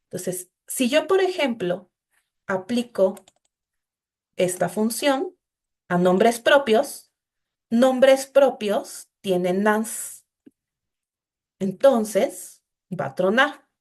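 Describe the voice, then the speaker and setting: A woman's voice: a little high, animated, drawn-out words, long pauses, darkish tone. A woman giving an informal, explanatory recorded programming class and talking directly to her students. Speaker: instructor.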